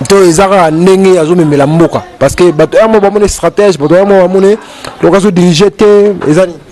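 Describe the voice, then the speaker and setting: Probing interviewer, higher voice. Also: male voice, brisk, darkish tone. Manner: short probing questions, addresses guest respectfully. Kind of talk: interview questions.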